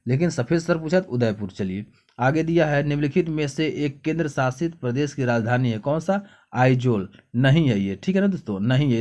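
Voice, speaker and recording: A man's voice: medium pitch, darkish tone. A young man going through exam questions one by one, reading each out and then repeating the answer back as a question to the viewer. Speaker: exam tutor. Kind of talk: quick exam answer walkthrough.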